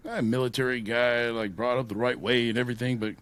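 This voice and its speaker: A man's voice: medium pitch, little pitch movement, fast talker, a bit bright. A man co-hosting a podcast in casual chat, joking animatedly and slipping into Spanish. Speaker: podcast co-host.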